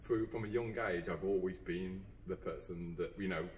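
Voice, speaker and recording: A man's voice: sits low, normal speed, darkish tone, a little hiss or hum. A man from Dudley, a teacher chatting earnestly as a podcast guest, with lots of fillers and restarts. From England (Dudley). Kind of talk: casual podcast chat. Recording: roomy, distant mic, faint background.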